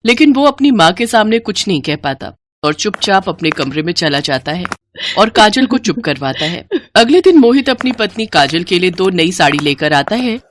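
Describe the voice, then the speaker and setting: A woman narrating a scripted moral story in an even, storytelling manner. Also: medium pitch, slight background noise.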